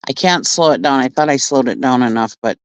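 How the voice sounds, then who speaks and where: Captured through a phone with a dry, dull lo-fi quality, this livestream host has an extremely low-pitched voice and a brisk pace. She reacts to clips, rambles casually, chats with her viewers and laughs frequently.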